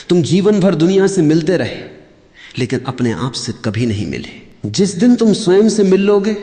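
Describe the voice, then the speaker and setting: A man giving a scripted spiritual discourse, measured and contemplative, speaking straight to the listener. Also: on the high side, dark tone. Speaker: spiritual narrator. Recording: long reverb.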